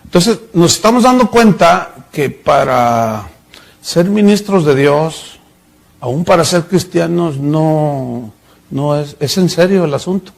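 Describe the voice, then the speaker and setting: A man's voice: a little high, expressive, slow pace, gravelly. A middle-aged male pastor preaching a sermon, telling stories and acting out the voices in them. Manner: storytelling preacher, acts out voices in anecdotes.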